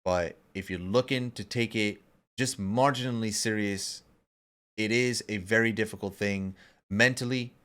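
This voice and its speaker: A man's voice: lowish voice, steady tone, measured pace, fairly bright tone, smooth. A man in his thirties co-hosting a podcast in casual chat, talking in an emphatic, profane, motivational way. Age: 30s. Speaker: podcast co-host.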